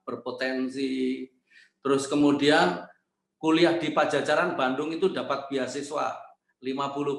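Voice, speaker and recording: Older male pastor, high voice, comic storyteller who acts out scenes; echoey church. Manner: humorous storytelling with acted-out dialogue; animated, jumps high when voicing others. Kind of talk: sermon.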